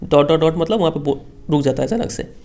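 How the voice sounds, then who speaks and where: A man's voice: a little high, expressive, quick pace, creaky, darkish tone. A male teacher patiently explaining a school text line by line, often checking that students follow.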